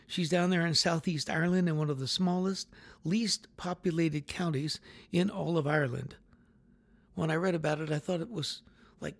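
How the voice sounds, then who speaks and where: A man's voice: fairly high pitch, gravelly, no echo. A man introducing poets as host of a poetry reading.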